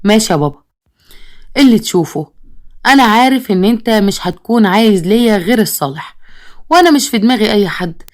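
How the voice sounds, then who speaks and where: Woman narrator reading a dutiful young Egyptian son, fast and earnest. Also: medium pitch, animated, lightly acted. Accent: Egyptian Arabic. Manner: earnest, compliant.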